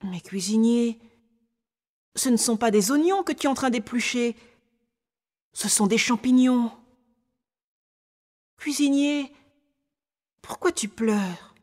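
A woman's voice: on the high side, slow, pauses often, voice pushed up. A woman voicing a trusting, eager little peasant boy in a storybook reading. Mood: worried. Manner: bright, chattering, innocent. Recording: long hall reverb.

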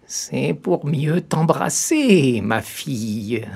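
A man doing a wolf faking a granny's falsetto. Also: lively intonation, creaky, darkish tone, slightly rough, exaggerated voice. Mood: sugary. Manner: falsetto, drawn-out and syrupy.

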